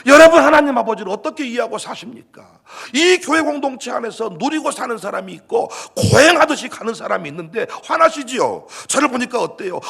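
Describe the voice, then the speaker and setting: A middle-aged man, a pastor preaching a sermon, swinging from hushed talk to shouting. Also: very high voice, gravelly, slightly rough.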